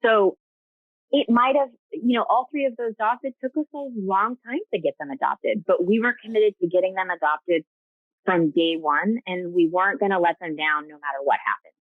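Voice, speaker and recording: Tinny, phone-like call audio carries a woman's medium-pitched voice at normal speed, free of room sound. She's a rescue co-founder appearing as a guest in a relaxed video interview, talking earnestly and often stumbling into fillers and false starts.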